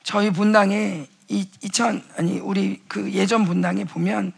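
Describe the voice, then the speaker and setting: A woman preaching at a church youth revival, swinging between hushed quoted voices and loud exclamations, acting out the people in her stories and leading the congregation to repeat after her. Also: medium pitch, steady tone, unhurried, gravelly, breathy edge. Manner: leads congregation in call and response. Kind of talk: animated sermon. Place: church sanctuary.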